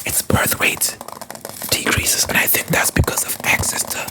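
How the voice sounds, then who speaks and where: An ASMR host from South Africa whispers quickly, rambling through opinions with halting restarts.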